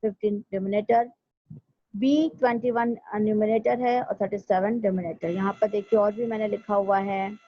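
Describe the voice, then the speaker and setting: A woman school teacher, patiently explaining a maths lesson step by step and slowing down to repeat things for her students. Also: medium pitch, no echo. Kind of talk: recorded online maths lesson. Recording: dry, dull lo-fi home recording.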